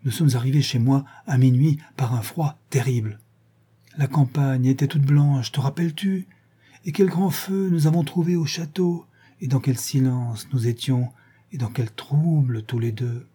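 A man's voice: mid-range voice, normal speed, mellow, breathy edge, natural voice. A man reading the part of Gaston, a dead husband pressing his claim in a nostalgic, insistent way. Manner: insistent, nostalgic, self-righteous. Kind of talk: audiobook character reading.

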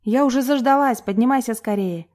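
A woman's voice: mid-range voice, normal speed, mellow, natural voice. A woman reading an audiobook, voicing a chatty, cheerful young woman roommate who pouts easily.

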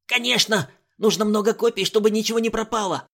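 A man reading an audiobook voices a frail, confused old male professor with a high, croaking voice. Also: fairly even intonation, brisk, a bit bright. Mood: insistent.

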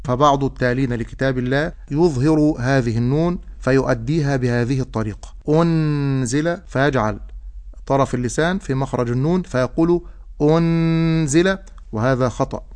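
A man teaching Quran recitation, explaining rules and then reciting example words slowly and drawn out. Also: medium pitch, darkish tone. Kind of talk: tajweed lesson with recited examples.

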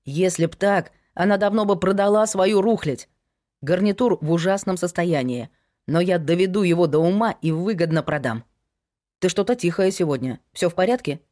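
A woman's voice: on the low side, normal speed, mellow, close to an everyday voice. A woman voicing a young man, an eager fiancé who turns anxious, in an audiobook.

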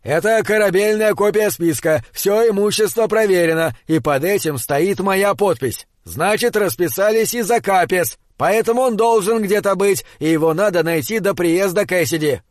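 A man's voice: fairly high pitch, lively intonation, moderate pace, no echo, close to an everyday voice. An exasperated male spaceship captain, shrewd and bossy, pressing his crew with a raised, impatient voice, as a man reads him. It comes across as a dry, close audiobook read. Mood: shouting. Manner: impatient, shouting when pressed.

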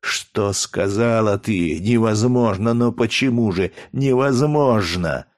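A man's voice: sits low, animated, slow, no echo, clean studio sound. A man reading aloud, voicing a young gladiator who pours out his love in a breathless, impassioned rush. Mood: desperate. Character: young male gladiator, lovesick and desperate.

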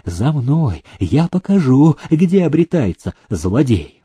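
A man's voice: mid-range voice, very animated, slow pace, dark tone, breathy edge, exaggerated voice. A man voicing a cowardly government clerk who begs tearfully for mercy. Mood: pleading. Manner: whining, pleading.

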